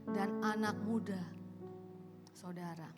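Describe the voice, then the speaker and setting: A woman in her late fifties preaching a sermon as pastor, telling stories with animated bursts of loud exclamation. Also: medium pitch, takes it slowly. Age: 50s. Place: large church auditorium. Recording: reverberant hall with music underneath.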